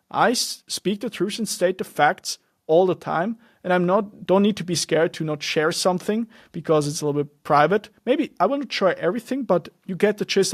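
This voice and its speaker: A young man from Switzerland whose first language is German hosts a solo podcast in English, speaking earnestly in a loosely structured way with frequent restarts and fillers. His voice is a little high, and the sound is clean studio quality with no echo.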